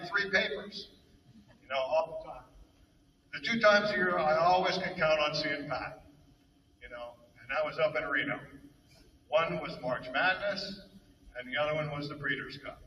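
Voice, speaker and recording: Man, memorial eulogy, bright forceful voice, halting and emotional, echoey hall from far off. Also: on the high side, slight background noise. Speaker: eulogy speaker, fellow coach. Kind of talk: memorial speech.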